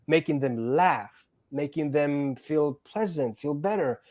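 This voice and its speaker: Male actor guest, from Georgia by way of Greece, slightly high voice, earnest and repetitive in casual chat. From born in Georgia, raised in Greece. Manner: earnest, repeats words while finding phrasing.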